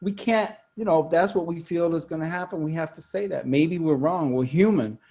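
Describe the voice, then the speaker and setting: A man's voice: fairly high pitch, a little fast, dark tone, husky. A man hosting a talk radio show, chatting casually with guests, laughing often and repeating words.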